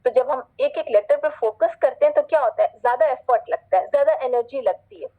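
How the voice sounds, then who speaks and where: A woman with a somewhat high voice teaches a Quran recitation class online. She explains patiently, checks in with her students again and again, and stretches each Arabic word out slowly when she recites. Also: narrow, tinny audio. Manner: patient, repetitive, checks in often; slow, drawn-out recitation of Arabic words.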